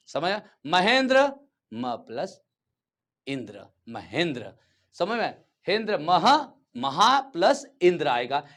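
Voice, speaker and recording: Male teacher, slightly high, very animated pitch, deliberate pace, drawn-out examples, constant comprehension checks. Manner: repeats words slowly and checks understanding. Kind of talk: classroom grammar lesson.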